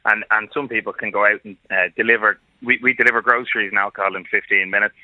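A man's voice: fairly low pitch, steady tone, fast talker, no echo. A man calling in to a radio show as a business co-founder, upbeat, with many ums and restarts. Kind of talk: radio call-in chat. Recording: tinny phone line.

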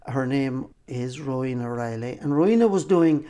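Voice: medium pitch, animated, normal speed, dark tone. An older person with an Irish accent from Cork, telling stories conversationally as a local guide and building up lists with repeated phrases. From County Cork, Ireland. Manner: explains by listing and repeating phrases for emphasis. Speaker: interviewee and local lighthouse guide who grew up in a keeper's family. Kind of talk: conversational storytelling and guided reminiscence.

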